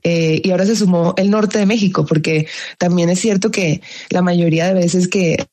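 Speaking with a paisa accent, this young Colombian actress responds to an interviewer with care, often using fillers and starting over. Her lowish, darkish voice holds a steady tone at a moderate pace.

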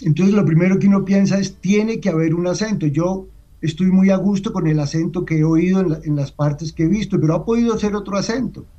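A man speaking as a guest on a radio panel, emphatic and rhetorical, often checking in with a quick "right?". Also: high voice, warm tone, highs cut off. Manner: emphatic, rhetorical questions, repeats "¿sí?".

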